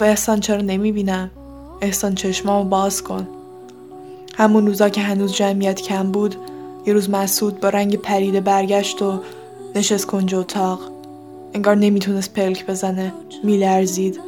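A woman reading a first-person story in a steady, subdued storytelling voice. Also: mid-range voice.

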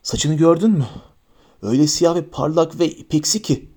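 A man's voice: fairly high pitch, normal speed, darkish tone, close to an everyday voice. A man voicing a besotted teenage boy who talks breathlessly in an audiobook reading. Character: lovesick teenage boy, dreamy then indignant.

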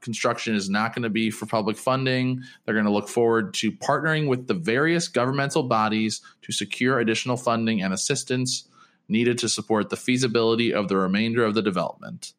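Man, fairly low voice, casual sports podcast talk, rambling, restarts often. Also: fairly quick, fairly bright tone. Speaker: podcast co-host.

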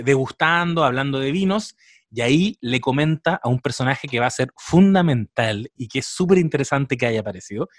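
A man's voice: mid-range voice, no echo, clean studio sound. Chatty Chilean man reviewing a series. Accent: Chilean Spanish. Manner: chatty, analytical, with thinking fillers. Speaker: podcast co-host. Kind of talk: casual podcast chat reviewing a series.

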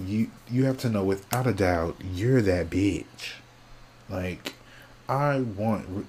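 A man hosts his podcast alone in a sassy, casual ramble, drifting between topics and letting lines fade into soft mumbles. He sounds sleepy and yawns now and then, and he talks at a very slow, unhurried pace with a fairly low voice. A faint hiss sits under the recording. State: sleepy, yawning. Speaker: podcast host. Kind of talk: casual solo podcast chat.

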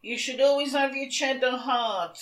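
A woman's voice: sits high, normal speed. A middle-aged or older British woman co-hosting a comic podcast in casual chat, with dry, cheeky asides. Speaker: podcast co-host.

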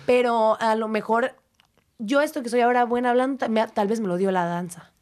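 Slightly high and fairly quick, this young Mexican-accented dancer and teacher chats reflectively in a casual interview. She gets animated, voicing what people said as little performances.

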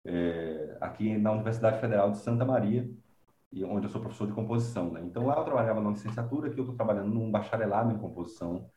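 Heard in a reverberant space, a Bahian composer and professor speaks with a fairly low, mellow voice at a quick pace. It's a relaxed conversational interview, and he talks unhurriedly, thinking aloud with many fillers.

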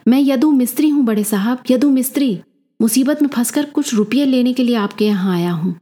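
A desperate, proud working man cries out in a raised, strained voice, his pitch pushed well above the narrator's own mellow tone, as a woman storyteller puts him on. He presses loudly and insistently in a spoken Hindi story. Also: normal speed, lightly acted. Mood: pleading. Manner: pleading then defiant shouting. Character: desperate proud male mason, middle-aged.

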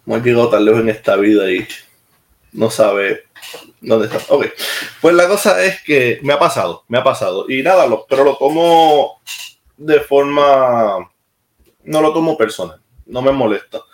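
Recorded in an echoey room, a military musician from Puerto Rico talks in a casual interview with a Puerto Rican Spanish accent. He's animated and speaks at a normal speed in a medium-pitched voice, direct and plain but restarting hesitantly.

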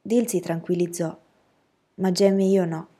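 Woman narrating a novel, mellow husky voice, steady pace. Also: fairly low pitch, measured pace. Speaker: audiobook narrator. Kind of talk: audiobook reading.

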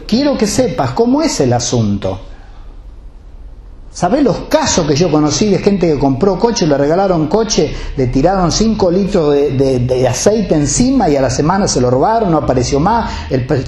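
A pastor with a Rioplatense Spanish accent delivers a sermon in a slightly high, dark-toned voice, with noticeable reverb. He speaks conversationally and asks his congregation direct questions.

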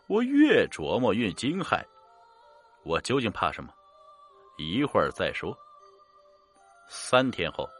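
A man with a fairly low voice tells a horror story in a measured, dramatic way, slowing down for suspense. His pitch swings widely between deep murmurs and sharp rises. Faint music plays underneath. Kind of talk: scripted narration of a horror story.

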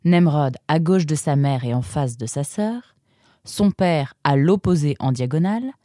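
A man narrating a children's storybook episode in a lively, expressive reading voice. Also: on the high side, measured pace, no echo, studio quality.

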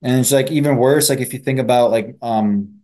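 A man's voice: mid-range voice, a little fast, warm tone. A young man co-hosting a podcast, rambling casually with lots of fillers and swearing. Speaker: podcast co-host. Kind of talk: casual chat.

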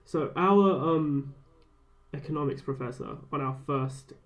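A man's voice: on the high side, a little slow. A young man, a first-year university student, co-hosting a podcast in a laid-back, hesitant chat. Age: young adult. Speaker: podcast co-host. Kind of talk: casual chat.

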